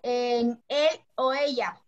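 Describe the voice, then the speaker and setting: Patient woman teacher, high voice. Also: fairly even intonation, extremely slow. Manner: patient, affectionate with pupils. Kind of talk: online class for children. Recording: dull lo-fi audio.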